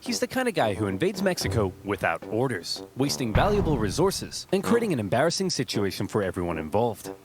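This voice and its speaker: A man narrating a scripted comic history in an animated storytelling way. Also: mid-range voice, a little fast, few pauses. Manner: animated storytelling with acted-out quotes.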